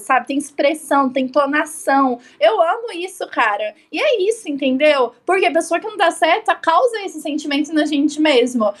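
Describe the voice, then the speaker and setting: A woman co-hosting a podcast, chatting casually with jokes and enthusiasm. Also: high-pitched. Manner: enthusiastic, joking. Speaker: podcast co-host.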